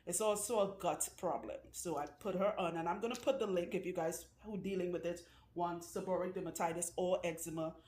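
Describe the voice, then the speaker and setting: A woman loc stylist hosts her channel from an indoor salon room with a couch, chatting and joking with viewers while she does a client's hair. Her voice is lowish, fairly even and a little mellow, and she talks fairly quickly in a chatty, outspoken way. The recording has a roomy indoor sound.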